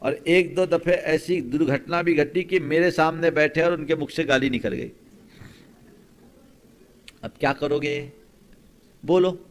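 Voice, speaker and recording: Male monk preacher, fairly high voice, sermon with stories and rhetorical questions, soft to emphatic. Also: fairly even intonation, takes it slowly, pauses often, clear, resonant tone.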